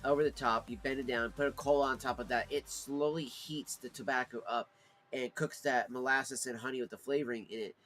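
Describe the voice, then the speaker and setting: A man's voice: medium pitch, steady tone, brisk, fairly bright tone, faint music behind. A man hosting a casual livestream, chatting informally and in a rambling way, as if to friends. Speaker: livestream host reviewing pipe tobacco.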